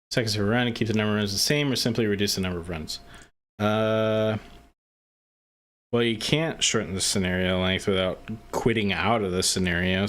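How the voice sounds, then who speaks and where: A man's voice: lowish voice, fairly bright tone. A tipsy man chatting casually on a livestream as an aim coach, answering viewers in a loose way that drifts off mid-thought.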